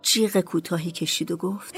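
A woman narrating a storybook in a calm, measured reading voice. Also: on the low side, slightly rough, faint music behind.

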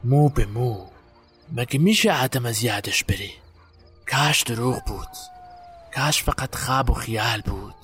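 An actor playing a guilt-haunted man recalling a night burial, in a halting, haunted way. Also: medium pitch, expressive, fairly bright tone, faint music behind, natural voice. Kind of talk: audio drama acting.

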